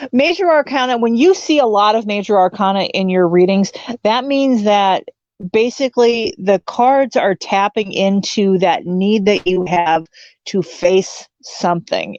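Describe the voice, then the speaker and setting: A woman's voice: mid-range voice, a little mellow, dry recording. A woman in her forties, a tarot reader guest chatting casually, joking and laughing often. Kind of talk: casual live-stream chat. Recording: dull lo-fi stream audio.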